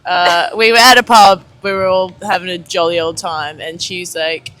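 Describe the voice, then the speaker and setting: A young woman from New Zealand, a sailor guest, telling stories slowly in a casual, giggly way. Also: on the low side, fairly bright tone. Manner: slow, giggly storytelling. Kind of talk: casual chat.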